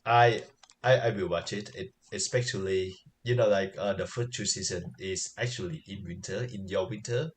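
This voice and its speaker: A man co-hosting a podcast, talking casually about anime in a halting way, with many fillers and quick agreements. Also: low-pitched, fairly even intonation, slight background noise. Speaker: podcast co-host. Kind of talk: casual chat reviewing anime.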